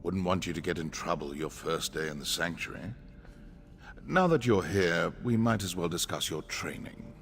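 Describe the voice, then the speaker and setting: A man's voice: low-pitched, animated, normal speed, a bit bright. An actor playing a stern, condescending male assassin trainer, dry and impatient, in video game dialogue. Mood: sardonic. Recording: game audio with faint music.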